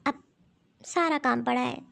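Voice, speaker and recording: A woman voicing a mild, busy young daughter-in-law in an animated cartoon story, puzzled and often talking to herself. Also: high voice, a little slow, creaky, full character voice.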